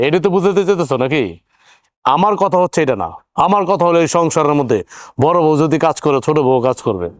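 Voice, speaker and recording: A man's voice: fairly high pitch, clean tone, no room sound, close to an everyday voice. An actor playing an argumentative young man who questions his family indignantly, speaking. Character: earning younger son, hot-headed and argumentative. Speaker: younger brother-in-law. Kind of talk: TV drama acting.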